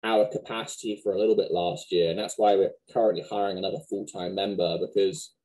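A man in his thirties with a West Country Wiltshire accent softened by American, answering questions conversationally in an interview. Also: low voice, steady tone, quick pace, low-quality recording. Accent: West Country Wiltshire English, softened by American. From Wiltshire, England. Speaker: museum director, interview guest. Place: small plain office, video call.

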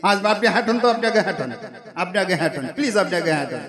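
A man's voice: high voice, expressive, very fast, crowd noise. A man preaching a humorous sermon, joking and teasing the audience between sung ghazal lines.

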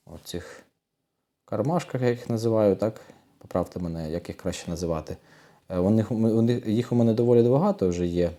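Low, mellow-voiced man chatting to viewers. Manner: chatty, often addresses viewers as friends, thinks aloud. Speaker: coin collector channel host. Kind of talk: casual unboxing commentary.

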